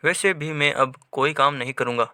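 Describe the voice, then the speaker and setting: Young husband, bitter and curt, narrator plays him, dry read. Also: male voice, on the high side, moderate pace, pushed and bright, dry recording. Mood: angry.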